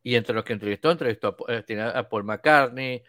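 A man, co-hosting a podcast and telling an anecdote in casual chat, lively and acting out the voices he quotes. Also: medium pitch, brisk, no room sound, studio quality. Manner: animated storyteller, acts out quoted voices.

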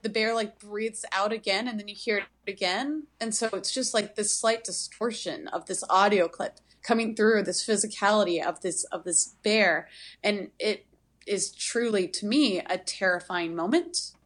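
A woman's voice: mid-range voice, normal speed. A woman casually recapping a horror film on a podcast, rambling with lots of fillers. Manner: rambling, filler-heavy, animated retelling. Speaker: podcast co-host.

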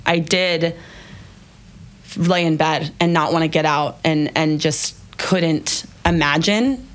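Low-voiced woman guest, founder type, super candid and emotional, swears casually. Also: slow pace. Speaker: business founder, podcast guest. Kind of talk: candid personal storytelling.

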